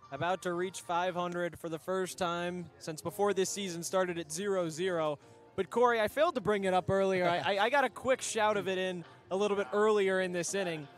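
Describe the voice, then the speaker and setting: A man calling baseball play-by-play, brisk and chatty, bantering with his booth partner. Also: high-pitched. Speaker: play-by-play announcer.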